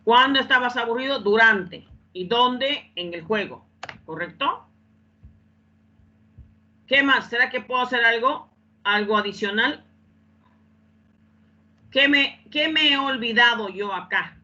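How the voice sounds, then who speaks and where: A woman's voice: fairly high pitch, expressive, measured pace, long pauses, sharp tone, dull audio. A woman teaching English in Spanish in an online class, repeating phrases and often checking that students follow.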